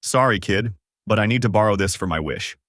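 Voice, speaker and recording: A man voicing a bossy, excitable young woman in a fan-made story, talking in a raised, snappy, impatient voice. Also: fairly low pitch, brisk, no echo, clean studio sound, natural voice.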